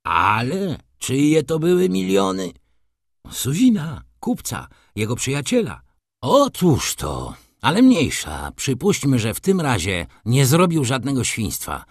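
A man's voice: medium pitch, wildly swooping pitch, slow pace, dry recording, studio quality, full character voice. A man voicing an indignant, gossiping middle-aged councillor in an audiobook, ranting with scandalized outrage.

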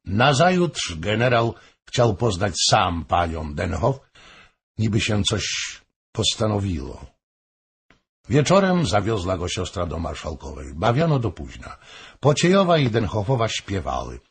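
A man reading a historical novel aloud in measured narration. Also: lowish voice, big pitch swings, creaky, husky. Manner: measured storytelling. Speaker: audiobook narrator. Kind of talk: scripted narration.

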